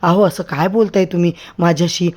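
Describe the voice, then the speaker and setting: A man's voice: sits high, fairly even intonation, brisk, darkish tone, close to an everyday voice. A man voicing a young woman who teases and pleads with the man she loves. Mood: teasing, pleading. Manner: pleading, teasing. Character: young woman, teasing and distressed bride-to-be.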